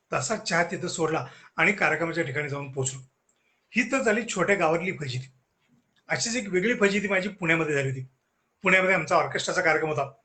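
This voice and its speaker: A man giving a humorous storytelling lecture at a lecture series, animated and acting out the dialogue. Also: fairly high pitch. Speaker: guest speaker at a lecture series.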